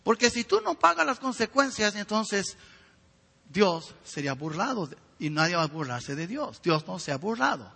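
Man, preacher, bright tense voice, husky edge, fervent sermon, questions the congregation. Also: high voice, sing-song, moderate pace, long reverb tail. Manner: fervent, asks the listeners direct questions.

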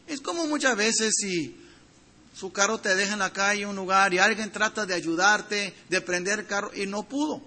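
A male preacher delivers an expository sermon, stopping often to read verses and speak to his listeners. His voice sits high for a man, and its tone is bright and forceful. He stumbles and restarts as he works through each point. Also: normal speed. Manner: expository preaching, reading verses and addressing the congregation; frequent restarts and stumbles while building points.

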